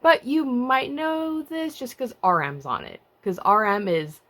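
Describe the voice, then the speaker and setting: A woman's voice: on the high side, big pitch swings, measured pace, fairly bright tone. A young woman reviewing K-pop releases in a casual vlog, chatty and self-mocking, with giggly asides. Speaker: K-pop vlogger.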